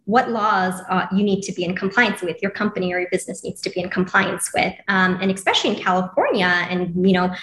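A woman attorney, a guest on an interview podcast, explaining things with frequent pauses and fillers. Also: medium pitch, fairly bright tone. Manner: hesitant, many fillers. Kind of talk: casual interview. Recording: echoey room with faint noise.

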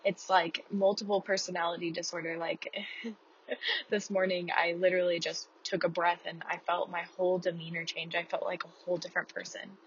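A woman hosting a casual, reflective podcast while driving, talking in a hesitant, rambling way with many fillers. Her voice comes through a low-quality earbud mic in a car. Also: flat delivery, normal speed, fairly bright tone, lo-fi sound, slight background noise. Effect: low-quality earbud-mic sound. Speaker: podcast host. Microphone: wireless earbuds.

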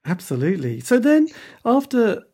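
A middle-aged man with an English accent and a husky voice, chatting casually and reminiscing in a rambling, self-deprecating way as an interviewer. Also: high-pitched, huge pitch swings, normal speed, dark tone. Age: 50s or older. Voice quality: husky, gravelly.

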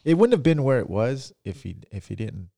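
Man, casual chat, earnest and halting, dark mellow timbre. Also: mid-range voice, sing-song, creaky, dry recording, studio quality. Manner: earnest, halting, full of restarts.

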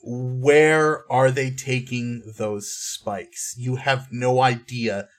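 A man's voice: medium pitch, steady tone, extremely slow. A man voicing a menacing cloaked male wraith in a tabletop game, cold and threatening.

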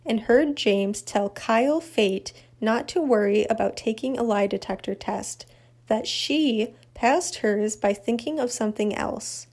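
Woman narrator, slightly high voice, steady matter-of-fact delivery of a scripted true crime case. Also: unhurried. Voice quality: even, matter-of-fact reading.

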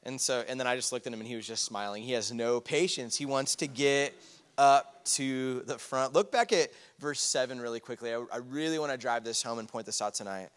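A man's voice: medium pitch, brisk, fairly bright tone, smooth. A man, preaching a casual, conversational sermon with personal stories, chatty asides and fillers. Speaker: pastor. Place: church sanctuary. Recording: church hall with long reverb.

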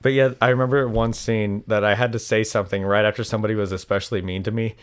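A man's voice: fairly low pitch, fairly even intonation, fast talker, clean tone. A man co-hosting a podcast, telling a story in a rambling, joking way and swearing freely. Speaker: podcast co-host. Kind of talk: casual podcast chat.

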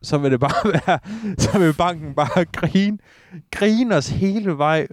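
A man's voice: on the high side, dry recording. A young man in casual podcast chat, telling anecdotes and laughing often. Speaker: podcast co-host.

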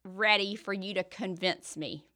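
A woman with a Southern US accent co-hosts a casual podcast chat. She is chatty and curious, firing off questions in a bright, lively voice at an ordinary pitch. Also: measured pace. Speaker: podcast co-host.

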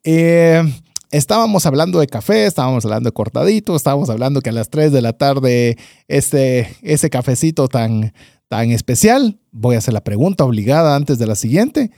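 A man's voice: mid-range voice, animated, moderate pace, gravelly, mellow, no room sound, clean studio sound. A man hosting a podcast interview, friendly and a bit hesitant, often repeating his words as he asks questions. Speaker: podcast host. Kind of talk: conversational interview.

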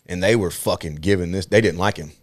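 A man talking quickly and loosely, a comedian on a podcast spinning a profane, animated story. His voice sits a little low, and he jumps in pitch whenever he acts out what people said. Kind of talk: casual storytelling chat.

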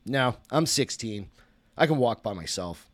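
A man's voice: mid-range voice, expressive, a little fast, no room sound, lightly acted. A man reading the lines of a sullen, grieving teenage boy, curt and sarcastic, in a dry recording.

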